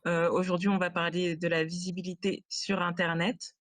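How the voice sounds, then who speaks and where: A woman's voice: fairly low pitch, little pitch movement, moderate pace, dry recording. Dry-voiced woman moderating a webinar. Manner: friendly, slightly flustered introductions. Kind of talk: hosting a webinar. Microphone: video call.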